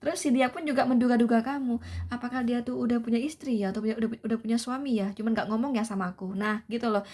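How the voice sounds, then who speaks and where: Casting: young woman, tarot reader, fairly high voice, chatty and repetitive, lots of fillers. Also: fairly even intonation, fast, darkish tone. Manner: chatty, repetitive, many fillers and tag questions. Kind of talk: tarot reading for viewers.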